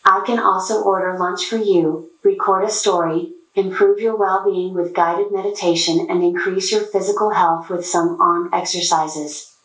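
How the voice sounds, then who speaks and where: A synthetic female voice of a humanoid robot, giving even, scripted answers. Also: fairly low pitch, normal speed, recorded from a distance. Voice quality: synthetic text-to-speech voice. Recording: roomy echo.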